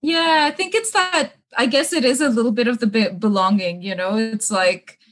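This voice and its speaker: A young woman with a mixed accent that is hard to place talks in a slightly high voice. Her speech is loose and conversational, full of fillers, and she laughs often as she answers interview questions from her parents' home. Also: moderate pace, a bit bright. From Middle East (Kuwait). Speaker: interview guest. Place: bungalow room with books at her parents' home.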